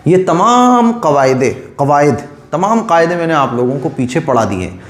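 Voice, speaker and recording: A man leads a Quran reading class, patient and repetitive, stretching syllables slowly to show how they sound. His voice sits a little high for a man. The sound is echoey, as if he is in a bare room. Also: big pitch swings. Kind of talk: online recitation lesson.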